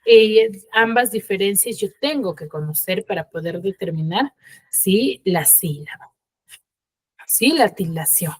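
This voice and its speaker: Teaching a grammar lesson in an online class, a woman explains things step by step and checks in often with a quick "¿sí?". Her mid-range voice is animated and slightly rough, at a measured pace, and it comes through a video call microphone.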